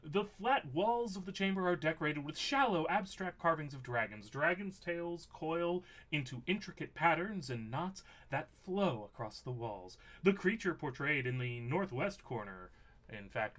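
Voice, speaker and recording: Male game master, lively and bright, reading scene text for players. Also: fairly high pitch. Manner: descriptive, measured narration.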